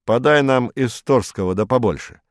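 A man voicing a composed, weary nobleman who speaks in a quiet, low, restrained way, in a storybook reading. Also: normal speed, no room sound, clean studio sound, close to an everyday voice. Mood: restrained friendly.

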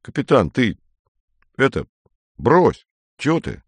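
A man's voice: medium pitch, huge pitch swings, takes it slowly, breathy edge, dry recording, pitched above the performer's own voice, heavily acted. A man voicing Lin, a heavy, good-natured boy who talks hesitantly and pleads with his friends. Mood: pleading. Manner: hesitant, pleading, then stern.

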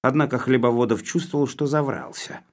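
A man reading an audiobook aloud with lively, expressive storytelling. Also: medium pitch, fairly quick. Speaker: audiobook narrator.

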